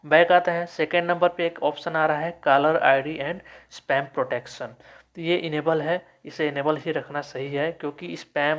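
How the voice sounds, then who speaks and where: A man giving a step-by-step phone settings tutorial, reading menu labels out slowly and correcting himself often. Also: fairly high pitch, dull audio. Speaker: tech tutorial host. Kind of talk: screen-recorded phone settings walkthrough.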